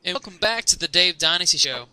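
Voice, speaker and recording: A man co-hosts a podcast and asks his guest questions in an upbeat, friendly way. His voice is very bright and sharp, and it sits fairly high. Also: animated, fast, faint music behind, low-quality recording. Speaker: podcast co-host. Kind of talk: interviewing a guest.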